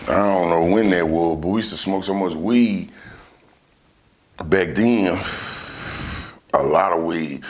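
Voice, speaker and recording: A man talks like a laid-back stoner. He tells stories casually, circling back over his phrases. His speech is thick with slang and swearing. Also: low voice. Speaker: vlogger. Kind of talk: casual storytelling to camera.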